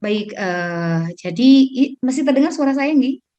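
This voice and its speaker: A woman answering a parenting question on a video call, calm and advisory, sometimes acting out a soft-spoken parent talking to a child. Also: on the high side, a little slow. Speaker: parenting speaker.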